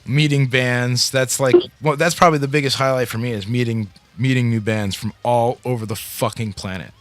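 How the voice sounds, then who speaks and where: A man's voice: medium pitch, fairly even intonation, brisk, no room sound. A man hosting a radio show in casual chat, talking in a heavily profane, slangy music-fan way.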